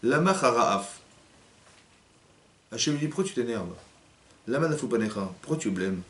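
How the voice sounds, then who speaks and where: A rabbi with a medium-pitched voice, speaking at a normal speed, gives an animated, interactive Torah lesson, acting out short scenes and asking his audience questions. The setting is a community hall, recorded with a distant mic in an echoey room.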